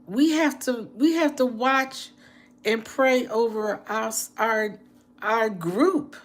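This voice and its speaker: A woman in her late sixties speaks to her live-stream viewers in a slow, unhurried way. She sounds heartfelt and a little preachy, and she circles back to the same phrases to press her point home. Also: a little high. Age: 60s. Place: indoors, apartment.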